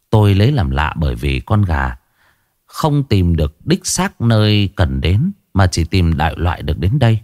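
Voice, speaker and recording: A man with a low voice narrates a ghost story, his pitch swinging widely as he tells it. The sound is dry and close, with no room around it. His delivery stays expressive throughout. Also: no room sound. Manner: expressive, rising and falling delivery.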